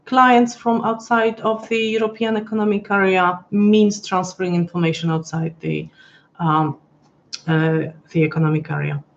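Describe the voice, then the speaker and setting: A woman's voice: medium pitch, steady tone, normal speed, lo-fi sound, a little hiss or hum. A woman hosting a live webinar from home, chatty and hesitant with frequent restarts, her voice a little worn as she is losing it. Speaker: webinar host. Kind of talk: casual live-stream walkthrough. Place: home room, pet nearby.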